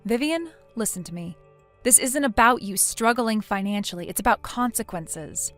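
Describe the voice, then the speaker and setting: A woman's voice: medium pitch, animated, normal speed, fairly bright tone, faint music behind, lightly acted. A synthetic female voice playing a blunt friend who lectures in a stern tone. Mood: scolding.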